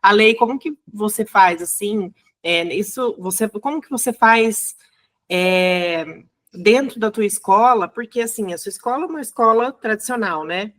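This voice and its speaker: A woman hosting an interview on parenting and schools, affirming her guest and asking gentle questions. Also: medium pitch, moderate pace. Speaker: host, parenting educator. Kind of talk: casual interview talk.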